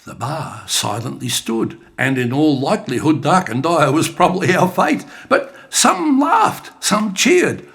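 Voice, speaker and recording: An older man reciting his own poetry in an expressive, dramatic style in a studio. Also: on the high side, a little slow, creaky, few pauses. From Australia. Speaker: bush poet. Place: creative studio.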